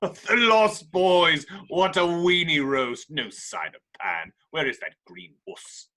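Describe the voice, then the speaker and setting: A man's voice: on the high side, animated, takes it slowly, bright, forceful tone, exaggerated voice. A man playing a gleeful, villainous pirate captain in a table read, theatrical and mocking. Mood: gleeful, menacing. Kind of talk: amateur table read acting.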